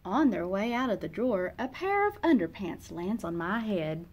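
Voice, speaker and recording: This storyteller, a woman in her thirties, sounds very animated as she reads a picture book aloud at a moderate pace, her mid-range voice carrying a darkish tone. She acts out the young narrator's feelings expressively, in a small classroom or reading room.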